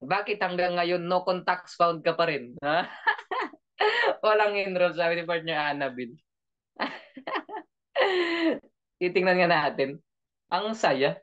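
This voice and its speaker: A man's voice: sits high, big pitch swings, slow pace, pauses often, fairly bright tone. Joking male coach, dull lo-fi audio. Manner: joking, laughs often, keeps asking the audience. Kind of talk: online training session.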